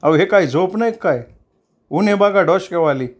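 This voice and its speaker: A man's voice: sits high, expressive, normal speed, voice pushed up. A man voicing an eager male servant calling out and hurrying someone to get up. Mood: urging.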